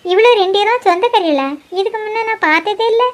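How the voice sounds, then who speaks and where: A woman's voice: very high-pitched, fast talker, pitched above the performer's own voice. A woman voicing a nosy, gossiping old village grandmother in a cartoon. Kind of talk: cartoon voice acting.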